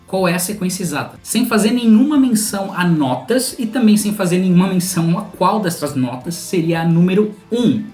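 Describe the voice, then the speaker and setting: A music teacher with a Brazilian Portuguese accent explains music theory patiently and methodically, speaking straight to the viewer. His voice is medium-pitched and darkish in tone. The recording sounds roomy, with a faint instrumental drone.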